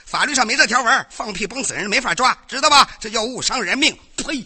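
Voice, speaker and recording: Husky, blustering man. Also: very high voice, animated, fast, pushed and bright. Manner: gruff, blustering, rhyming comebacks. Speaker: errenzhuan comic performer. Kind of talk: comic stage banter with rhymed chant.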